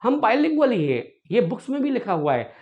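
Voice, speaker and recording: A male English teacher giving an online grammar lesson, drilling words by repeating them slowly and addressing viewers fondly. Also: very high-pitched, big pitch swings, muffled recording.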